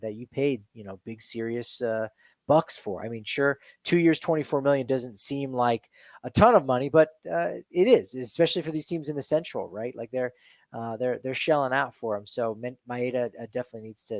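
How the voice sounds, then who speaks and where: A man's voice: medium pitch, no room sound. A man co-hosting a sports talk show, rambling through stats with many restarts and self-corrections. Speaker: podcast co-host.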